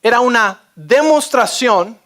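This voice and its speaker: A man delivers a sermon from the pulpit, with a notably high voice for a man. He preaches with energy and keeps asking his listeners if they are following him. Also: measured pace. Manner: energetic, keeps checking in with the audience. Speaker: pastor.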